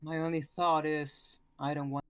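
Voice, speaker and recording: A man roleplaying over an online voice chat, talking haltingly, his voice cutting in and out on a bad connection. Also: fairly high pitch, little pitch movement, clean tone, no room sound. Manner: halting, restarting mid-sentence. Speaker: tabletop roleplaying player.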